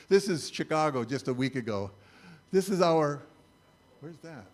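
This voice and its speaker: A man's voice: on the high side, expressive, slow pace. An older man, a church speaker, giving a sermon-style talk with slides in a wry, incredulous, conversational way.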